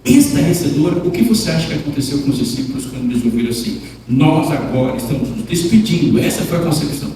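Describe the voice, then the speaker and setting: A man's voice: medium pitch, fast, few pauses, background noise. Emphatic preacher man in an echoey hall. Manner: emphatic and dramatic, swinging between loud declarations and hushed near-whispers; asks the congregation direct questions. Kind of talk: sermon. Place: large church hall. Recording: echoey hall recording from far off.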